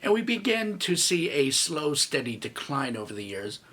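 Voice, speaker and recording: A man's voice: a little high, big pitch swings, normal speed, fairly bright tone. A man in his thirties giving a comedic movie review with snarky, sarcastic asides. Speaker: film reviewer.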